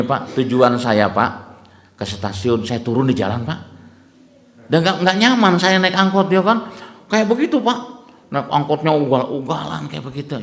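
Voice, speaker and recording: A man giving a dawn lecture sermon, telling animated stories and often addressing the listeners as "Pak". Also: fairly high pitch. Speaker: Islamic preacher. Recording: echoey hall with long reverb.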